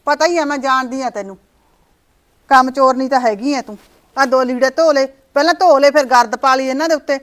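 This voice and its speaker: A woman acting as a sharp-tongued mother-in-law who scolds without pause, her voice high and her words rattling out fast. It is a short-film drama with a domestic setting. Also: close to an everyday voice. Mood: scolding. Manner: scolding, nagging.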